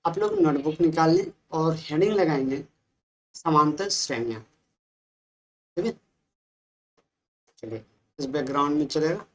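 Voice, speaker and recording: Woman maths teacher, Bihari Hindi accent, low voice, steady patient classroom talk. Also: unhurried, pauses often. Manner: patient, repeats "ठीक है" and checks with the class.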